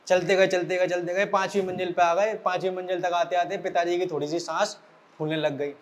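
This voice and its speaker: A man's voice: high voice, fairly quick. A man from central India, a science teacher telling a story to his students and turning it into a homework question. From Morena, central India. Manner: lively storytelling, addresses students directly. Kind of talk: storytelling lesson. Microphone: recording for an online class video.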